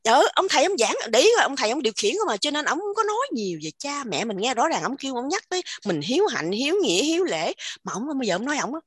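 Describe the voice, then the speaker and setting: A woman with a Southern Vietnamese accent giving an animated casual spiritual talk, repeating words in quick emphatic bursts. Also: sits high, breathy edge, no echo, clean studio sound. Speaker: religious teacher sharing insights.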